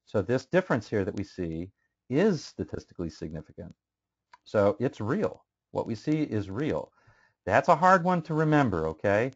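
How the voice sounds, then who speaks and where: Man, instructor, low voice, conversational lecture, muffled recording. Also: sing-song, normal speed. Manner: conversational, questioning students, frequent fillers. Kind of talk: classroom statistics lecture.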